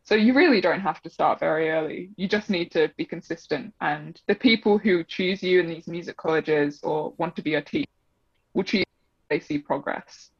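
A young woman's fairly low voice is husky with vocal fry as she chats at normal speed as a guest in a casual interview. A double bass player with a blended Australian and English accent, she laughs a lot and uses many fillers. The audio has no echo and sounds dull, dry and slightly muffled.

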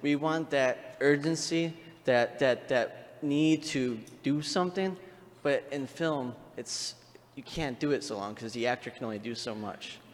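Speaking into an audience microphone at a live panel in a large convention room, a man explains his view through examples. His mid-range voice is measured, picked up by an echoey hall mic with background noise.

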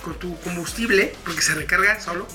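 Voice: mid-range voice, a little fast. Slangy Mexican storyteller over music. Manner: slangy storyteller, swears freely. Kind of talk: casual gaming chat.

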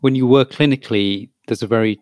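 A man hosting a podcast, introducing his guest and asking earnest, measured questions. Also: medium pitch, darkish tone, dry recording. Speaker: podcast host.

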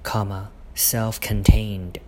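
A man dictating his own prose aloud, speaking every punctuation mark in a deliberate, halting way. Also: on the low side, level tone, dark tone, slight background noise. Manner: slow, deliberate dictation with pauses.

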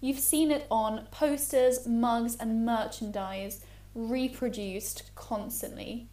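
A woman's voice: a little high, fairly even intonation, slow pace, mellow. Young woman podcast host, echoey room. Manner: chatty, wry. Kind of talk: casual chat. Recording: echoey room with faint music.

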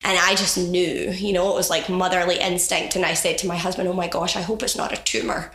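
A woman's voice: lowish voice, level tone, fairly quick, fairly bright tone. A woman from the west coast of Scotland with a Scottish accent and a cold, earnestly telling her story as a podcast guest. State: has a cold. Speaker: guest, charity founder. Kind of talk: conversational interview. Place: office. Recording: roomy office recording.

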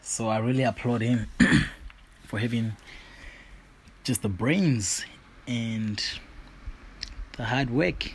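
Talking casually about his life on his own show, a young Zimbabwean podcast host speaks slowly in a mid-range voice, pausing often. He's relaxed and rambling, with plenty of fillers like "you know", and there's slight background noise.

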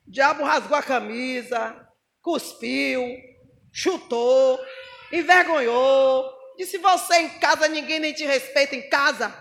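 A woman preacher, telling a testimony in a lively, mocking way and acting out the voices she quotes. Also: high-pitched, slow pace, vocal fry. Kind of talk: sermon with testimony.

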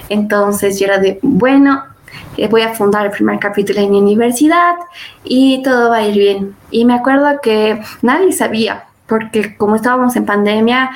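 The recording is rough, capturing a young woman's mid-range voice as she chats on a podcast. A native Spanish speaker, she recounts events in a casual interview style full of fillers and quoted asides.

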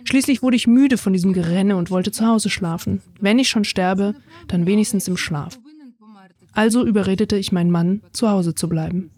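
Woman in her twenties, calm reflective reading. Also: mid-range voice, moderate pace. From Ukraine. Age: 20s. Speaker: narrator of her own story. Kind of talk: read first-person testimony.

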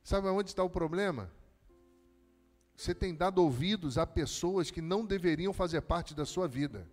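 A man preaching as a pastor, his voice sitting a little high and swelling into fervent, repeated calls before dropping into conversational storytelling. Long reverb from the church hall trails his words. Quiet guitar plays underneath. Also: normal speed. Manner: preaching with rising intensity and storytelling. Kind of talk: sermon.

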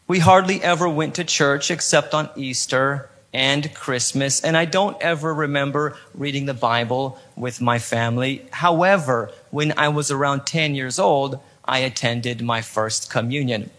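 A man's voice: medium pitch, fairly bright tone. A man in his thirties from Poland with an American accent, earnestly telling his personal testimony with dry asides. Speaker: podcast host giving testimony. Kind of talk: read-aloud personal testimony.

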